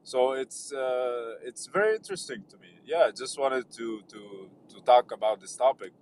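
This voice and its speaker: A man from Lebanon calls into a live stream and speaks at a mid pitch. He talks hesitantly, stopping and restarting often. There is a faint hiss of noise behind him. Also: normal speed, a little mellow. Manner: hesitant, many fillers and restarts. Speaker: caller. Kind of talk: casual call-in chat.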